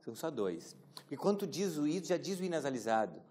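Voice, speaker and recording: Guy teaching a class, jokey, keeps asking the room questions, kinda high voice. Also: very animated, quick pace, a little mellow. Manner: casual, joking, asks the class questions. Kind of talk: classroom lecture.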